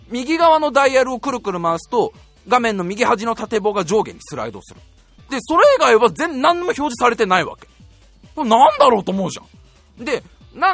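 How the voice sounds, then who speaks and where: A man telling a comic anecdote in a casual, animated way, often laughing as he goes. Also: high voice. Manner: animated, laughing while telling a story, acting out voices.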